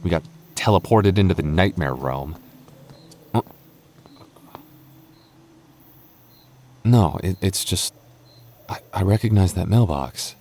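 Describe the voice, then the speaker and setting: In an intimate audio roleplay, a man plays a young boyfriend, his low, soft voice stammering and hesitating as he speaks to his partner, nervous but openly affectionate. He sounds flustered and nostalgic, with lively intonation at a moderate pace, and slight background noise is present.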